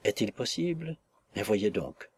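A kindly older gentleman who asks gentle questions in a soft, murmuring way, as a man reading the story puts him on. The voice is low and breathy, in the manner of an audiobook. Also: sing-song, unhurried, full character voice. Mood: tender. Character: gentle older male guardian, compassionate.

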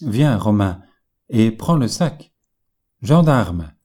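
A man's voice: fairly low pitch, sing-song, very slow, warm tone, heavily acted. A man reading an audiobook, voicing a carefree male travelling painter who answers with ironic, jaunty retorts. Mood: mocking.

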